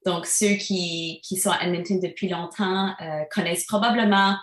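A Franco-Albertan woman in her thirties from Alberta, Canada, a singer-songwriter appearing as a guest, chats casually in an interview with many fillers. She speaks Franco-Albertan French in a fairly low, steady voice at normal speed, and the sound is roomy.

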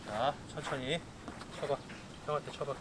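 Filmed from a distance, a football coach in his thirties gives brisk commands to his players on an outdoor pitch. The recording is very noisy.

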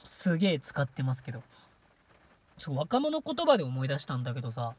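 A woman's voice: rumbling low, wildly swooping pitch, a little fast, a little mellow, breathy edge, no echo. A woman hosting a solo livestream radio show, chatting casually in a rambling, self-mocking way. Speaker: streaming radio host.

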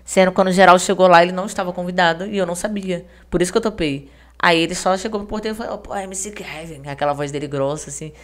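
Talking very fast in a fairly low voice, a woman appears as a podcast guest and casually tells a story. She's chatty, uses heavy slang and fillers, and acts out the quoted dialogue.

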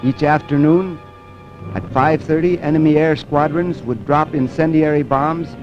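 A man's voice: fairly high pitch, steady tone, moderate pace. A man giving a solemn eyewitness narration for an old 1940 newsreel. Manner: solemn, first-person eyewitness account. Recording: dull lo-fi 1940 film soundtrack with loud music.

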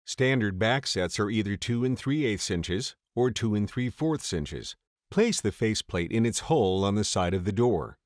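A man reading a scripted voice-over for a step-by-step installation tutorial, in a steady, measured way. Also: fairly low pitch, no echo, studio quality. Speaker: tutorial narrator.

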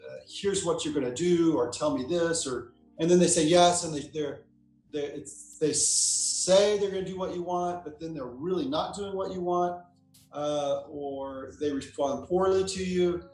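A man being interviewed as a psychotherapist, explaining through relaxed anecdotes and acting out quoted lines. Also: fairly high pitch, unhurried, faint music behind. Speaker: psychotherapist guest. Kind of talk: interview answer, storytelling. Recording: roomy echo.

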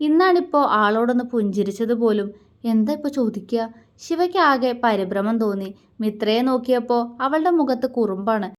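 A woman storyteller reading a romance story aloud in a soft, expressive way. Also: fairly high pitch, a little fast.

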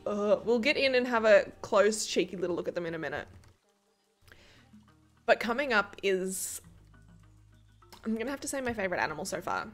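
A young woman chats through a game as its host, excitable and quick to laugh. Her voice swoops up and down with lively pitch. Soft music plays faintly underneath. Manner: gushing, excitable, laughs often. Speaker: game streamer. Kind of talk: casual gameplay commentary.

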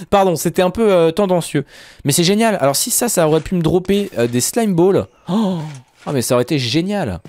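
A young man chatting casually to viewers while playing a survival game, animated, with high exclamations and drawn-out words. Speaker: gaming video host. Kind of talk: casual Minecraft let's play commentary.

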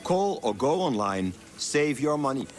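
A man's voice: mid-range voice, very animated, a little slow, soft background music. A man reading a commercial in an upbeat, salesy way. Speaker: ad announcer. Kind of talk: radio-style commercial read.

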